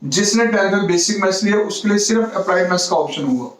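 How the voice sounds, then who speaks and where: A man teaches a class with a fairly high voice, mixing terms into his explanation. He lays out each point patiently and repeats the important ones. The sound carries a clear room echo. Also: animated, fast. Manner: explains step by step, repeats key points, calls students "beta". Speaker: maths teacher. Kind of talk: classroom lecture. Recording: echoey room.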